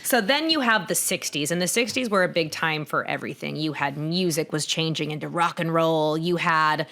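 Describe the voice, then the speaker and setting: A woman in her thirties talks through a topic on a podcast in a loose, conversational way. Her voice sits a little low, and she often breaks into laughter or jumps up in pitch when she acts out what people said. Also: moderate pace, a bit bright. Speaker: podcast co-host. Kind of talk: casual conversational explanation.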